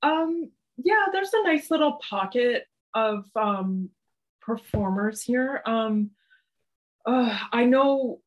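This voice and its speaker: A woman's voice: a little high, expressive, slow. Rambling woman guest full of ums. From western Canada. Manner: rambling, many ums and likes, laughs often. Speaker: podcast guest, dominatrix. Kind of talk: casual interview chat.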